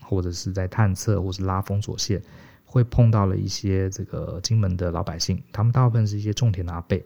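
A middle-aged man from Taiwan telling stories casually as a podcast co-host, animated and chuckling. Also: low-pitched, a little fast, vocal fry. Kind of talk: casual storytelling. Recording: dull, muffled podcast audio.

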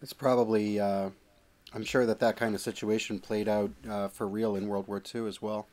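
A man hosting a casual podcast, chatting in a relaxed way and often saying "you know". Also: on the low side, moderate pace. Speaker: podcast host.

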